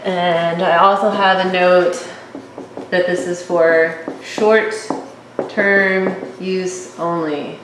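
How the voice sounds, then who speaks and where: A woman teaching a course, working through her notes at an unhurried pace with occasional fillers. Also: fairly low pitch, steady tone. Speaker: instructor. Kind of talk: lecture on herbal oils. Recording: echoey room, faint background hum.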